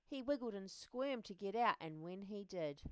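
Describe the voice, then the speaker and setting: Expressive woman reading a picture book. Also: mid-range voice, normal speed, clear, resonant tone, no room sound. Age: adult. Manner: expressive, often drops to a soft hush. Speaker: reader.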